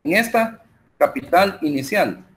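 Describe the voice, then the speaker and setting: A man with a slightly high, expressive voice and a Salvadoran Spanish accent teaches an online math class. Slowly and step by step, he goes over calculations and a spreadsheet, his speech peppered with fillers as he works the software.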